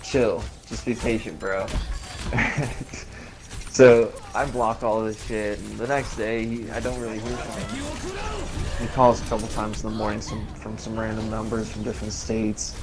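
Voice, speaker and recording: With a lowish voice at normal speed, a man tells a lively, casual anecdote from his own life as he plays a game on stream. He swears, uses slang and quotes others' lines, with music and gameplay audio in the background.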